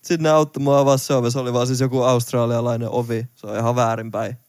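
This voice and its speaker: A young man from Finland, a podcast co-host telling a travel story in casual chat, lively and laughing, with some swearing. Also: mid-range voice, no room sound, clean studio sound.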